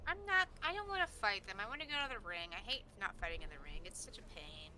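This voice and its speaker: Woman on a voice call, rapid-fire and sharp-toned, blunt teasing banter. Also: mid-range voice, animated, slight background noise, rough recording. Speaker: gaming voice-chat friend. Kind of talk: casual chat.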